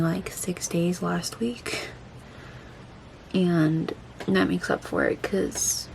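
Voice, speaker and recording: Creaky-voiced woman, swollen after wisdom teeth removal. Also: on the low side, darkish tone, a little hiss or hum, poor audio. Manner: informal, self-deprecating, chatty asides. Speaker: beauty vlogger. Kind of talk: casual chatty get-ready-with-me makeup vlog.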